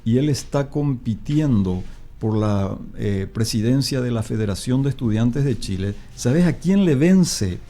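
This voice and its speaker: Man, interview guest, emphatic, hesitant, medium pitch. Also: expressive, unhurried, dark tone. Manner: emphatic and explanatory, with frequent hesitations. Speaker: political commentator guest. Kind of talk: radio interview conversation.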